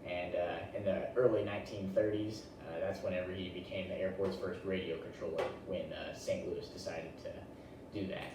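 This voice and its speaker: Captured by a far-off microphone in a noisy, very echoey classroom, a young man gives a folksy, colloquial class presentation. His voice sits low with fairly even intonation and a moderate pace.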